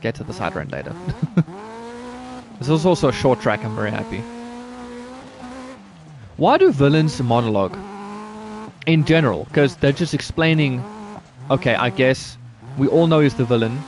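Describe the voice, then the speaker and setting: A man's voice: medium pitch, expressive, normal speed, long pauses. A man streaming a driving game, chatting casually with his viewers in a loose, rambling way, now and then swearing. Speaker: gaming streamer. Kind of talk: casual live-stream chat while playing. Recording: loud game car-engine noise under the voice. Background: rally car engine and game sounds.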